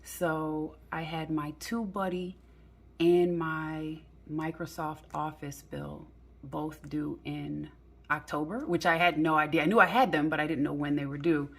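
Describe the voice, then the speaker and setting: A woman chatting casually through a budget vlog in a halting, low-energy way, slightly hoarse as if weak after surgery. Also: steady tone, a bit bright. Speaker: budgeting vlogger. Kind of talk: casual chat while counting cash.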